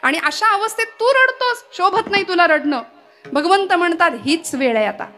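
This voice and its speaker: A woman kirtan preacher giving a devotional sermon, telling its stories in an expressive, declamatory way and reciting Sanskrit verses. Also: very high voice, normal speed.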